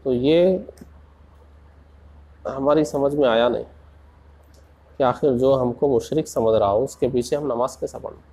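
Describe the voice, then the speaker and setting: A man preaching in a slow, deliberate way, asking rhetorical questions and rising into passionate emphasis. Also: medium pitch, mellow. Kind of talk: Urdu sermon.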